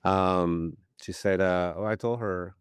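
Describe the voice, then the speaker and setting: A Peruvian poet in his fifties, a native Spanish speaker, guests on a podcast, telling stories in a casual interview. His deep, smooth voice moves at a slow pace, and he rambles animatedly, restarting often. The studio-quality recording has no echo.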